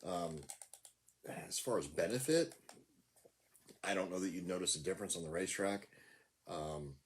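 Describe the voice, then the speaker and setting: Low-voiced easygoing man co-host. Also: expressive, moderate pace, slight background noise. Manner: easygoing, brief backchannels, laughs at stories. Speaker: podcast co-host. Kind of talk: casual chat.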